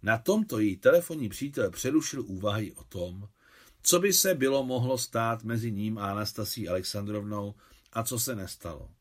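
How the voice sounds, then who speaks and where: A man narrating a short story in a measured, even reading voice. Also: lowish voice. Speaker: audiobook narrator.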